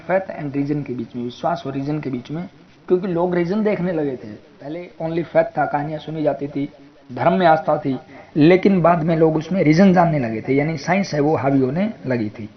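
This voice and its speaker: A male tutor with an Indian accent steps through literature exam questions one at a time. He reads each question out slowly in English, then rattles off a fast explanation in Hindi. His voice sits a little high, and the recording sounds dull and lo-fi. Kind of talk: exam prep lecture.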